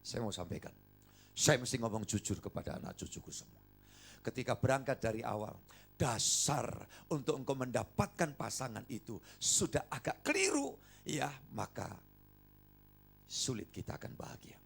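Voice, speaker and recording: An older man preaching a sermon, animated and coaxing the congregation to respond. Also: medium pitch, moderate pace, creaky, breathy edge. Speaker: pastor. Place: church service.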